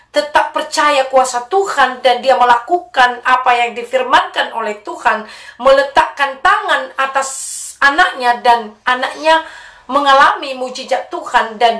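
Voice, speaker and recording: Woman channel host, measured religious commentary, higher voice, roomy echo. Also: sharp tone. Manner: measured, addresses viewers as friends. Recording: echoey room.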